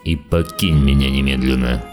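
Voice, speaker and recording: A man voicing a cold, imperious, mocking devil in an audiobook, speaking in a slow, low, contemptuous drawl. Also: fairly even intonation, a little mellow, soft background music. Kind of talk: audiobook character voice.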